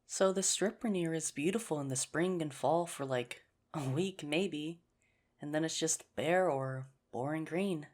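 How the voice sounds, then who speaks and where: Speaking low and without hurry, a woman voices an earnest, nerdy young teacher who shyly pursues a crush in a conversational ASMR romance roleplay. She's a bit hesitant and teases herself gently, with a playful, caring mood.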